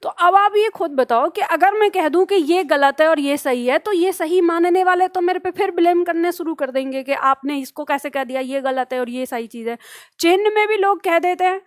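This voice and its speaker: A woman's voice: very high voice, normal speed, no room sound, studio quality. A woman teaching Hindi grammar in an earnest, argumentative lecture full of rhetorical questions. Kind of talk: classroom lecture at a whiteboard.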